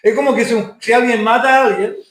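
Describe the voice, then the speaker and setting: Male preacher, emphatic and questioning, high voice, echoey church room. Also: steady tone, fast, fairly bright tone. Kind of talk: Sunday school sermon.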